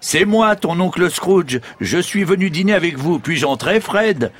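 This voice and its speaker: A man's voice: medium pitch, very animated, normal speed, breathy edge, pitched above the performer's own voice. A man doing Scrooge, joyful old miser. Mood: jubilant. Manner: exuberant, effusive.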